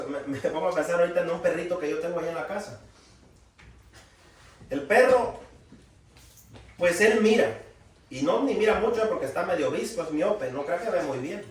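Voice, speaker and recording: A man preaching a sermon in a folksy, animated way, raising his voice for emphasis. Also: high voice. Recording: very echoey room, from far off.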